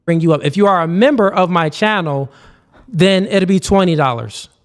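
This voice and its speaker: Man hosting a live stream, slightly high voice, relaxed, casual chat, online call mic. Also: moderate pace, soft background music. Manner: laid-back, calls people man. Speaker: stream host.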